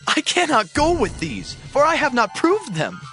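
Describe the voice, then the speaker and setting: An actor playing a bold, devout young shepherd in a dramatized scripture reading, declaiming with passion. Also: male voice, very high voice, big pitch swings, normal speed, pushed and bright, soft background music, exaggerated voice. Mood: earnest.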